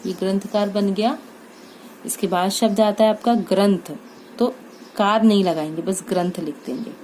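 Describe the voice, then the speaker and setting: Indian woman, shorthand teacher, soft mellow voice, slightly high, faint background hiss. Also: poor audio. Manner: slow and deliberate, spelling out words sound by sound, frequent "ठीक है" checks. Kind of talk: step-by-step tutorial.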